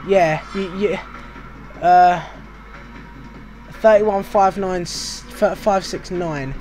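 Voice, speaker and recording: British guy doing a game walkthrough, pretty high voice, rambly and jokey about himself, some game music underneath. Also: fairly even intonation, drawn-out words, darkish tone. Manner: rambling, self-mocking, chatty. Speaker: gaming walkthrough host. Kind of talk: casual game commentary.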